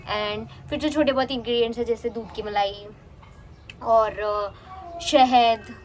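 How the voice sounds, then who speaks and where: A young woman chatting fast in a casual home vlog, talking into a handheld phone. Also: a little high, fairly even intonation, slight background noise. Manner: chatty, mixes in English words. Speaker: vlogger. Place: at home, indoors and on a terrace.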